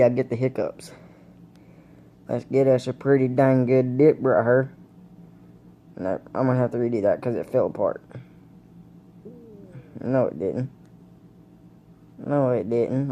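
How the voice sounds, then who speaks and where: A man's voice: mid-range voice, normal speed, pauses often, mellow, highs cut off, a little hiss or hum. A young man in a casual home video, talking in a laid-back, rambling way to his viewers, with the hiccups. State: has the hiccups. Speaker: vlogger reviewing dip tobacco. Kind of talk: casual vlog chat. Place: indoors at home, camera propped on a blanket.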